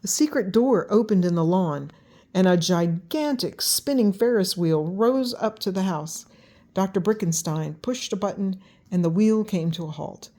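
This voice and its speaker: A woman's voice: mid-range voice, lively intonation, normal speed, dark tone. An older woman, a grandmother, reading a children's story aloud as narrator.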